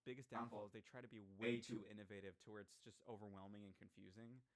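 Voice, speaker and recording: Low-voiced opinionated man. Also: level tone, quick pace. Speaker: podcast co-host. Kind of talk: casual gaming chat. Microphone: studio podcast mic.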